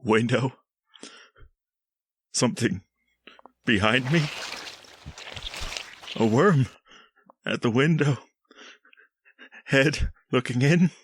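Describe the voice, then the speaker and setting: An actor in a 1940s-style radio drama plays a guilt-ridden, horror-struck scientist losing his mind, speaking in halting, melodramatic repetitions full of frantic terror. His voice is medium-pitched, with a little hiss or hum.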